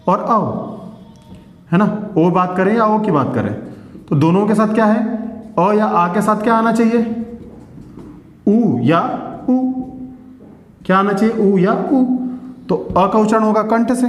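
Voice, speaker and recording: A male teacher leads a lesson in a fairly high voice, slowly repeating each sound and pausing to check that his listeners follow. The room is echoey, with a long trailing reverb behind his voice. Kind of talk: classroom lesson.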